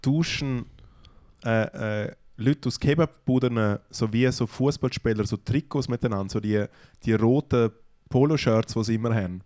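A man's voice: mid-range voice, moderate pace, darkish tone. A man with a Swiss German accent in casual chat, chiming in with wry asides and a short anecdote.

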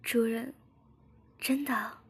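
Brief: tearful begging wife, high and breathy, whispered role-play, as a woman puts her on. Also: steady tone, drawn-out words, full character voice. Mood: pleading. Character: tearful pleading young wife.

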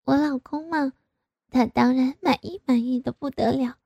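A woman's voice: high voice, normal speed, vocal fry, warm tone, breathy edge, no room sound, voice pushed up, full character voice. A woman voicing a coy, pouty young married woman in an audio story, speaking in a raised, wheedling voice.

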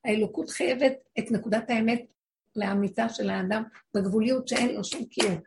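A woman's voice: a little high, fairly even intonation, vocal fry, a little hiss or hum. A woman teaching a religious lesson, explaining with frequent rhetorical questions to her listeners and acting out voices she quotes. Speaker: spiritual teacher.

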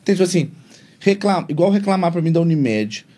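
A man's voice: on the high side, expressive, fast, dark tone. A Brazilian man, a doctor, talking emphatically in casual podcast chat, full of "tipo assim" and "cara".

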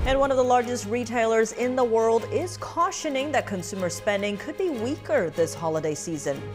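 Woman news anchor over soft music. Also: mid-range voice. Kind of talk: scripted news reading.

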